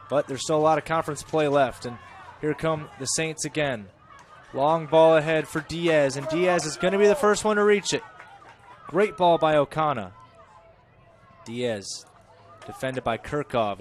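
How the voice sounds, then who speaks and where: This is a man doing live, conversational commentary on a college soccer game, a native English speaker working the play-by-play. When things get dangerous on the field he gets louder and higher, and he sometimes backtracks to correct himself. A faint hiss or hum runs underneath.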